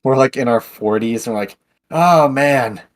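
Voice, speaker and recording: A man's voice: mid-range voice, steady tone, fast. A young man in casual chat, agreeable and hedging, often repeating words as he starts his sentences. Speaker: co-host.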